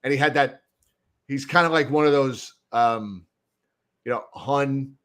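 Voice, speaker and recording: A podcast co-host on a sports talk show tells a story in casual chat, acting out both sides of the conversation and laughing often. His voice is medium-pitched and his pace measured, the delivery of an animated storyteller.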